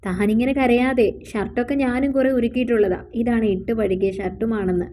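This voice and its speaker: A woman voicing a gentle young husband who speaks in a soothing, reassuring way. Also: on the high side, fairly even intonation, fairly quick, slight background noise, natural voice.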